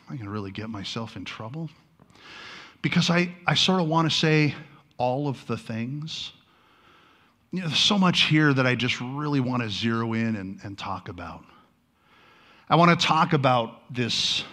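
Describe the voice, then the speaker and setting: A man's voice: mid-range voice, pushed and bright. A man preaching a teaching sermon in a conversational way, often restarting his sentences and adding wry asides to the congregation. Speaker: pastor.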